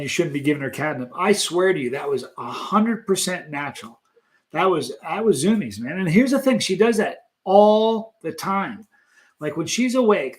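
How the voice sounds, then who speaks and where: Man, nearly sixty, hosting a live stream; chatty, animated, laughs a lot, voice on the higher side. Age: 50s. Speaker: channel host reading live chat. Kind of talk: casual live-stream chat.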